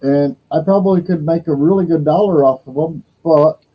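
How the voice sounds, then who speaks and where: A man in his sixties hosting a casual chat, his voice pitched a little high but dark and mellow. He talks in a loose, rambling way and laughs easily. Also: a little fast, breathy edge, rough recording. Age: 60s. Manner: relaxed, rambling storyteller who laughs easily.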